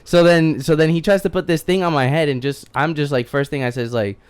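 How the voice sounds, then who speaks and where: A man's voice: on the high side, quick pace, clean tone. A young man co-hosting a podcast in laid-back, profane casual chat. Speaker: podcast co-host.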